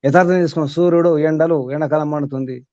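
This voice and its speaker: A man's voice: a little high, steady tone, quick pace, dark tone, no room sound, highs cut off. A man teaching a small group as their spiritual guide, asking rhetorical questions and repeating his points.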